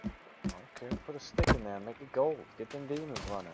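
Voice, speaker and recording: A man's voice: medium pitch, moderate pace, very noisy. A man chatting casually and teasing his friends while playing a survival game together. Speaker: fellow player on a game stream. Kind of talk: casual gaming chat.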